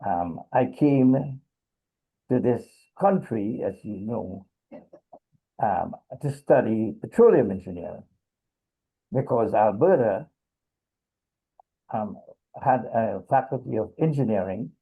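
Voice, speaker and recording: Slow halting man on tinny call audio. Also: fairly low pitch, lively intonation, slightly rough. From Trinidad. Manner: halting, many pauses and fillers. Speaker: discussion participant. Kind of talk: casual discussion.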